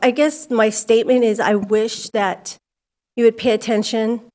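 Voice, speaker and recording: At a podium mic in a civic center meeting hall, a candid Californian woman gives public comment to a school board, starting conversationally and growing emphatic. Her voice sits on the high side, fairly even in intonation, measured in pace and a little mellow.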